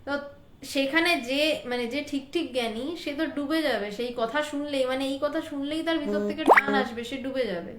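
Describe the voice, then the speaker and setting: A woman's voice: sits high, moderate pace, background noise. A woman with a Bengali accent gives an earnest spiritual talk on Vedanta, repeating key phrases and dropping in English words. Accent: Bengali, from Kolkata. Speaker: Vedanta teacher. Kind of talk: spiritual talk to an online audience. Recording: echoey room.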